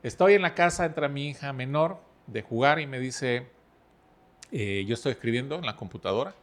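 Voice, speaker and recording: Middle-aged guy on a podcast, calm storytelling, explains stuff with analogies, mid-pitch voice. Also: moderate pace. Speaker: podcast guest speaker. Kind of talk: relaxed podcast conversation.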